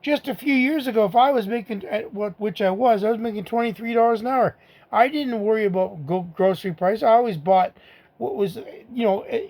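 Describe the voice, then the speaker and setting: A middle-aged male vlogger with a high, somewhat dark voice delivers a blunt, angry political rant straight to the camera. He keeps repeating his own rhetorical asides.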